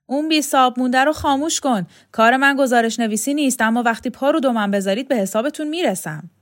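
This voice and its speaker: A woman doing a gravelly, menacing brute. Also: high voice, voice pushed up, lightly acted. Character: burly rough man, threatening.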